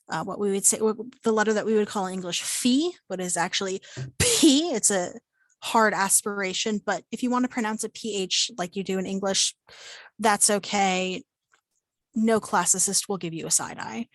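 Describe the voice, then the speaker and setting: A woman's voice: mid-range voice, a bit bright, no room sound. A woman giving an unscripted online lesson on Latin pronunciation, with many ums and restarts as she explains. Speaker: Latin teacher. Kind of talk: online class lecture. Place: home, virtual presentation.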